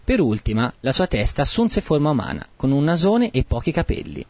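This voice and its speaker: A man narrating a bawdy comic tale in a mock-solemn, lively way, in a dry, dull lo-fi recording. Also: a little high, brisk, no echo.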